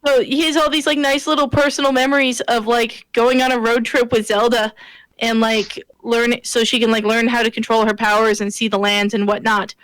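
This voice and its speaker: A woman with a high voice talks through games in a loose, rambling way, full of "like" and restarts. She is co-hosting a relaxed podcast chat. Her voice is close and dry, with no room sound. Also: a little fast, no room sound, poor audio. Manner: rambling, many fillers and restarts. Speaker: podcast co-host. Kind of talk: casual gaming chat.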